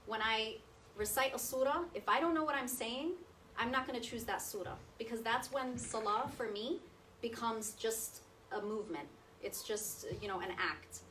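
A woman in her thirties, a guest speaker, gives a chatty personal testimony talk while seated at a table in a meeting room with a projector screen, often checking in with her audience. Her voice is a little high and a bit bright at a moderate pace. A far camera captures distant, roomy sound from across the room with a little hiss or hum.

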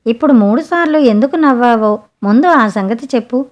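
A woman's voice: on the high side, animated, a little fast, lightly acted. A woman voicing a blunt, impatient grown fisherman in a spoken storybook, who keeps demanding answers. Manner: demanding, questioning.

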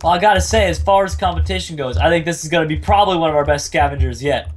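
A man's voice: fairly high pitch, very fast. A man in casual gameplay chat, bantering playfully and repeating his phrases. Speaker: gaming video host and player.

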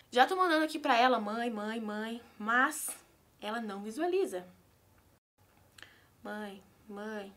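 Giggly, nervous young woman with a bright voice. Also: fairly high pitch, slight background noise. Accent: Brazilian. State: anxious. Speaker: YouTuber pranking her mother. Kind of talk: casual prank vlog chat.

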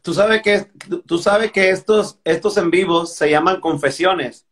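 A man hosts a live stream from his phone indoors. He asks teasing, crude questions in heavy slang. His voice sits a little high. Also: a little slow, a bit bright. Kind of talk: casual chat. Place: indoor room. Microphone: phone front camera at arm's length.

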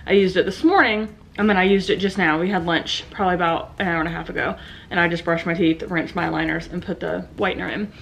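A young woman talks casually to a camera propped up in her bedroom. She is chatty and fills her talk with ums and likes. A slight lisp softens her S and SH sounds. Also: on the low side, fairly even intonation, quick pace, creaky, a little hiss or hum. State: slight lisp from new aligners. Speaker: vlogger. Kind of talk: casual vlog talking to camera. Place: bedroom at home. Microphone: camera set down in front of her.

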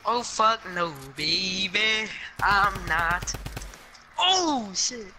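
A man's voice: high-pitched, sing-song, extremely slow, noisy background. A man chatting as an opponent in a 1v1 game, teasing and joking. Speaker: gamer opponent in a 1v1 match. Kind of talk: casual gaming voice chat.

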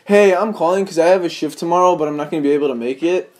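Chummy rambling guy in his twenties, prank caller, rapid delivery, slightly high voice. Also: darkish tone. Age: 20s. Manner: chummy, rambling, filler-heavy. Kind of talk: casual prank phone call. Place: small room indoors.

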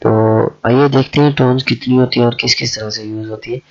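A man who teaches a language lesson, talking slowly and repeating himself with many fillers. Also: mid-range voice, fairly even intonation, a little mellow, soft background music. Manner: slow and repetitive, with many fillers. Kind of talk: explaining a lesson. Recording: dull lo-fi audio.

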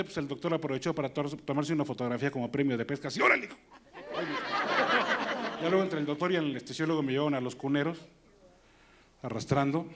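A slightly high-voiced man with a Mexican accent trades jokes with his audience during a stand-up set on stage. The live recording is very noisy, packed with crowd sounds and music.

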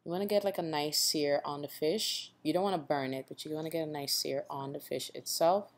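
A woman hosting a cooking channel narrates a recipe step by step, repeating tips and frequently checking in with "okay?" in an instructive way. Her voice sits low with fairly even intonation and a slightly fast pace.

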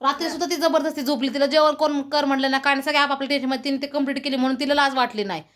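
A woman vlogger with a high, piping voice pours out bitter complaints in a family argument. She scolds and circles back to the same grievance, her tone sharp with resentment. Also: steady tone, racing. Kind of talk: angry family quarrel.

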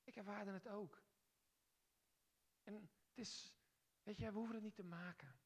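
A woman preaching a sermon in a church, speaking emphatically and pushing hard on key phrases, then turning quiet and soft as she leads a prayer. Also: medium pitch, steady tone, measured pace, breathy edge.

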